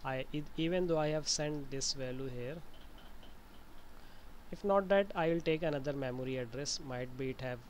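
A man presenting an informal software tutorial, explaining step by step in a hesitant, repetitive way. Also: medium pitch, moderate pace, slight background noise, poor audio.

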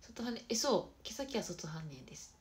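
A young woman hosting a casual livestream who chats quickly and brightly with viewers, often dropping to a soft murmur. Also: medium pitch, animated. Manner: fast-talking. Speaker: idol livestream host. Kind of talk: casual livestream chat reading viewer comments.

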